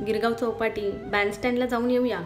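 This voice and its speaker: A woman's voice: on the high side, level tone, fairly quick, faint music behind, lightly acted. A woman voicing a playful young man who boasts and teases his sister, read in a storybook telling. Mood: teasing. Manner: boastful, teasing.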